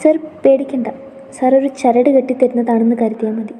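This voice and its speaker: A woman as a tearful, soft-spoken young woman. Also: fairly high pitch, steady tone, a little fast, big-room sound, close to an everyday voice. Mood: pleading softly. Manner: soft, pleading, drops to a whisper.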